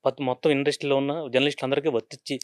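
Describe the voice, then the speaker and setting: A man's voice: mid-range voice, level tone, racing, smooth, dry recording, studio quality. A man interviewing as a journalist, pushing back and arguing his point. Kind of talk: challenging interview questions.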